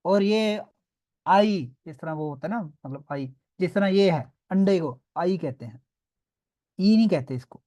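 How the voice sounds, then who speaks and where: A man's voice: sits high, lively intonation, measured pace, dark tone. A man teaching a beginners' online class, patiently drilling sounds and often checking that students follow. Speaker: language teacher.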